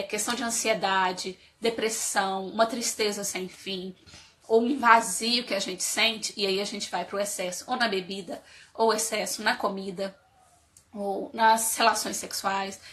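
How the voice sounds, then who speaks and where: Nasal with a cold, a woman speaks live and informally to an audience about life stages, leaning on rhetorical questions to motivate them. Her medium-pitched voice comes across pushed and bright.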